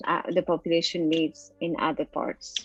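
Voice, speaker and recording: A middle-aged woman with a French accent, a photographer guest in an interview, speaking thoughtfully with pauses and fillers. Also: sits low, fairly even intonation, breathy edge, lo-fi sound, faint music behind. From France. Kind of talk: casual interview over a call.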